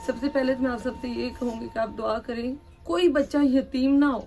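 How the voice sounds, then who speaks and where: Woman, charity vlogger; gentle, coaxing delivery, a touch high-pitched; music bed behind. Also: steady tone, normal speed. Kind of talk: emotional charity vlog, talking to camera and to children. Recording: music playing underneath.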